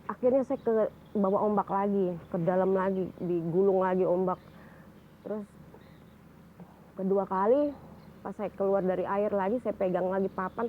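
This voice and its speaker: A young adult woman recounting her own tsunami survival in a halting way, with frequent restarts and repeated words. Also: medium pitch. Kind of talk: personal testimony. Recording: phone-like band, faint noise.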